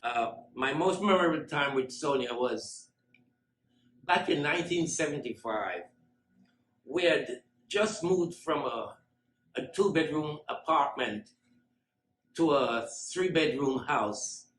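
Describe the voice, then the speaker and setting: A man, sharing fond memories at a memorial with a light, self-mocking humor. His voice sits a little high for a man. The sound rings around a large school hall. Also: expressive, takes it slowly, long pauses, a bit bright, a little hiss or hum. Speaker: eulogist. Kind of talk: memorial eulogy. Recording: echoey hall.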